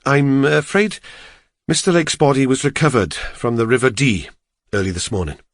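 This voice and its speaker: A man reading an audiobook, voicing a composed female police detective who speaks in a measured, formal way. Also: medium pitch, no room sound, clean studio sound, lightly acted. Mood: grave. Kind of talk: audiobook character voice.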